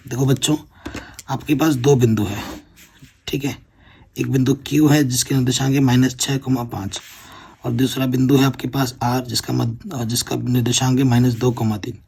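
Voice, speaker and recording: A man's voice: medium pitch, little pitch movement, normal speed, creaky, a little mellow, slightly rough. A man teaching a board-exam maths lesson, working through problems step by step and often checking that the students follow. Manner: explains step by step, keeps checking with "theek hai na".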